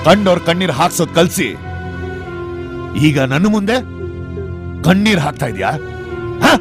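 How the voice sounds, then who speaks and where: A heartless convict villain sneers and taunts everyone, in a somewhat raised voice. He sounds cold and defiant. Film music runs loudly beneath the dialogue. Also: high voice, lively intonation, normal speed. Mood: scornful. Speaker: condemned criminal.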